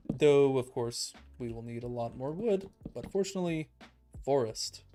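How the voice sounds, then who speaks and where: A man casually commenting on his own gameplay as a streamer, relaxed and self-deprecating, thinking out loud and a little out of breath. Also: medium pitch, moderate pace. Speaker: let's play streamer. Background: background music.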